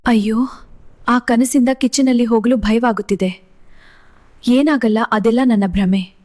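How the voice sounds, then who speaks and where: A woman's voice: a little high, steady tone, a little slow, a little mellow, a little hiss or hum, lightly acted. A synthetic woman's voice playing a mother and older sister in an AI-generated horror drama, often calling out anxiously. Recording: faint music behind.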